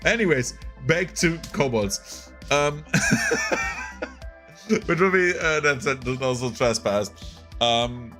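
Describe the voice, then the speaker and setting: A man's voice: medium pitch, slow, long pauses, faint music behind. A man streaming casually, reacting to a film with lots of laughter and swearing. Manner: excitable, laughs often, swears a lot.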